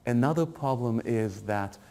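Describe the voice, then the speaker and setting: This middle-aged lecturer has a dark, mid-range voice with vocal fry, and he speaks expressively and without hurry. Touring a building, he delivers dry, wry critique while a camera records from a distance in hallways and an empty lecture hall full of echo and faint room noise.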